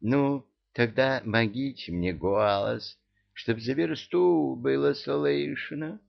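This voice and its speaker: A man voicing a lazy, scheming talking cat who drawls slowly in an audiobook. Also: mid-range voice, gravelly, muffled recording, voice pushed up. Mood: drawling. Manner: drawling, slow.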